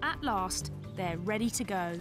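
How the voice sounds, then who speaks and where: A woman's voice: medium pitch, lively intonation, a little slow. A woman giving scripted nature documentary narration as the presenter. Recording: music behind the voice.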